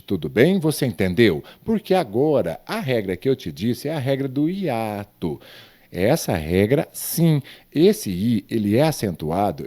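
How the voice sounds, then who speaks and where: A man's voice: mid-range voice, mellow. A man teaching grammar in an online lesson, stretching words out emphatically and asking the viewer questions.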